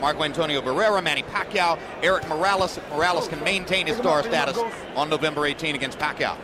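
Male fight commentator, high voice, articulate and detailed, over loud arena noise. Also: quick pace. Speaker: play-by-play boxing commentator. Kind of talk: live sports commentary.

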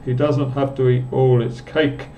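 A male teacher runs a live online lesson, taking things slowly and patiently. His voice sits at an ordinary middle pitch, and he pauses often to read out comments from viewers. Faint keyboard typing can be heard in the background. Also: little pitch movement, highs cut off, a little hiss or hum. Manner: patient, explains step by step and reads out viewer comments. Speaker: English teacher.

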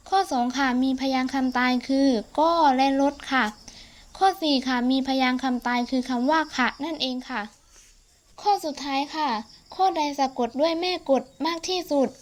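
High-voiced teen girl tutoring. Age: teens. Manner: polite, patient, explains step by step. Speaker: student tutor. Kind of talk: exam-prep lesson explanation.

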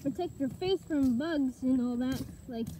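A young woman vlogging about her homemade gadget, chatty and excited, talking through a gas mask. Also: high voice, measured pace. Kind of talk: casual vlog. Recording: faint background noise.

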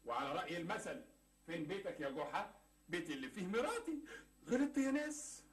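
A man's voice: high-pitched, animated, fast. An actor with an Egyptian accent playing a proud, wounded man who quotes proverbs with theatrical flair in a TV sitcom. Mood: mock-dramatic. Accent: Egyptian Arabic. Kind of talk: 1980s Egyptian TV sitcom acting.

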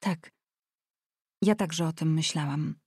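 A woman's voice: sits low, slow, a little mellow, breathy edge, no room sound, clean studio sound, full character voice. A woman reading an audiobook voices a shy, devout young woman who lisps slightly like a child. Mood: timid.

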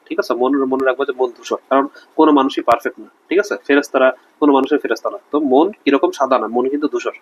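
Young male Bangladeshi chemistry tutor, brisk, casual, lo-fi voice-over. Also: mid-range voice. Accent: Bangladeshi Bengali. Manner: chatty, repeats "okay?" and quizzes the student. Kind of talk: casual online lesson with memory tricks.

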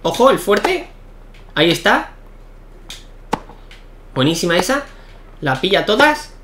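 A young man giving excitable live commentary while playing a tennis video game, shouting at key points. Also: high voice, slow, background noise. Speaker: gaming YouTuber.

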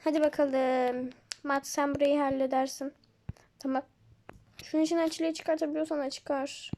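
Woman playing a brisk, bossy game mum. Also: high-pitched, flat delivery, a little mellow, a little hiss or hum, voice pushed down. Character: busy mother, bossy and weary. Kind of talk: Toca Life role-play voicing.

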